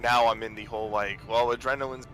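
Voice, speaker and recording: A man's voice: mid-range voice, little pitch movement, fast, fairly bright tone. A man playing a tabletop game, chatting casually and a little hesitantly about his moves. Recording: music playing clearly behind the voice.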